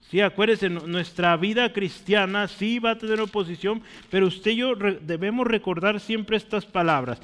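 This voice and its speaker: A man's voice: sits high, normal speed, few pauses, fairly bright tone. A man preaching a sermon to his congregation, earnest and often asking them questions. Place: church. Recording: long reverb of a church hall.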